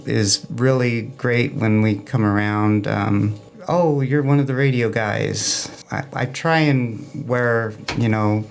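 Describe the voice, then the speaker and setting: Speaking slowly in a low, steady, creaky voice, a man represents an amateur radio club as an interview guest. He's casual and chatty, rambling through anecdotes about the hobby.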